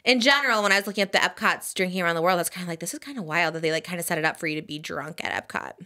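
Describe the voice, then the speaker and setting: Young woman, podcast host, bright sharp voice, animated casual chat, keeps saying "like". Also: fairly low pitch, racing. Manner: animated, says "like" and "literally" often.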